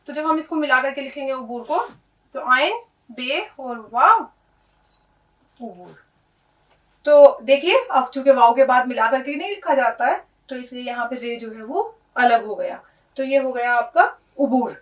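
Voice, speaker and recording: A woman with a high voice teaches a language lesson, spelling words out patiently and repeating them for the learner. She keeps checking in with a quick "right?" as she explains. The sound is roomy and echoing, picked up from a mic some distance away. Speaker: Urdu teacher. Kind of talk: classroom lesson on letters and words.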